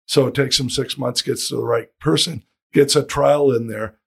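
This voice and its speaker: Middle aged guy hosting a podcast, really hoarse n raspy, gravelly like his voice is going, chatty. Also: mid-range voice, fairly even intonation, normal speed. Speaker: podcast host. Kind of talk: casual interview chat.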